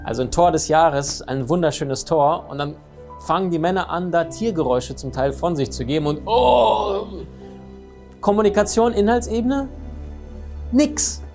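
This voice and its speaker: A man giving a lively motivational talk on relationships, often asking his listeners questions. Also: a little high, moderate pace, gravelly, soft background music. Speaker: speaker on communication and relationships.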